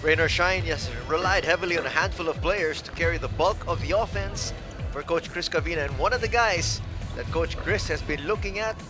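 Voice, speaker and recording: Play-by-play man for a live basketball broadcast, slightly high pitch, arena music underneath. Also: brisk. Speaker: play-by-play sports commentator.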